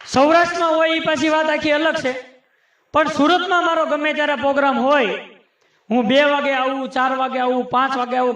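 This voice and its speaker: A man, his voice pitched very high, works a live folk comedy crowd with teasing, chatty asides. He slips into rhythmic recitations of rhyming sayings. The stage mic carries a roomy echo. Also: a bit bright. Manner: chatty, teasing, addresses audience as sir. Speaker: folk humorist.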